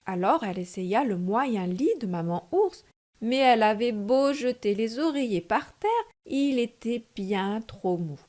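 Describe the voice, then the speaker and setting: Slow-reading woman storyteller. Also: fairly high pitch, expressive, a little mellow. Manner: slow, deliberate, clear reading. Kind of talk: bilingual storybook reading for children.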